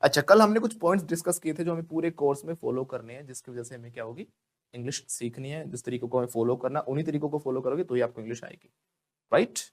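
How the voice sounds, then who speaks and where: A man's voice: medium pitch, fast. A man with an Indian accent, a native Hindi speaker, teaching spoken English in a classroom and repeating words over and over for the class to copy. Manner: drills words by repetition, often asks the class to repeat. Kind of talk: classroom pronunciation lesson.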